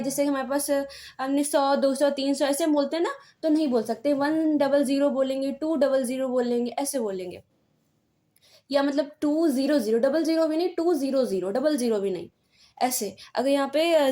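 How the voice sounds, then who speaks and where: A woman's voice: sits high, a little mellow. A woman teacher explaining decimal numbers step by step in an exam-prep video lesson, with frequent checks and small fillers. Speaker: maths teacher.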